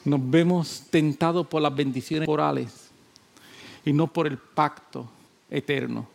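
A male pastor delivers a sermon in a somewhat high voice. He repeats his points with emphasis, rising into loud exhortation and then dropping into quiet, low talk. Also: fairly even intonation, a little slow, vocal fry.

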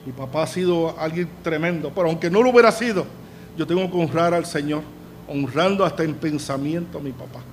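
A man preaching a sermon, emphatic and slowing down to stress key points. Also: fairly high pitch, slight background noise.

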